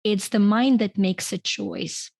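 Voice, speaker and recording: Chatting through her story on a podcast, a middle-aged woman from Ukraine who works as an author and coach frequently breaks into laughter mid-sentence. She speaks slowly in a gravelly, darkish mid-range voice, captured with studio quality and no room sound.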